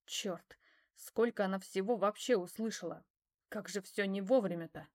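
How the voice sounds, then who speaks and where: A woman narrating a first-person novel for an audiobook. Her mid-pitched voice keeps a steady, even storytelling pace. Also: normal speed. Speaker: audiobook reader.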